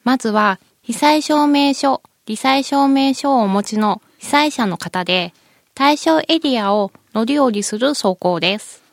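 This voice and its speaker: A woman's voice: on the high side, a little slow, vocal fry, no room sound, clean studio sound. A woman with a cute, anime-like voice giving polite, prepared explanations as a company spokesperson in an interview. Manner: cutesy anime-style "moe" voice, polite.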